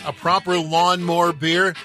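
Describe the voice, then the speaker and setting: A man hosting a radio show, reading scripted narration in a crisp, upbeat announcer delivery. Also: sits high, little pitch movement, moderate pace, sharp tone, soft background music.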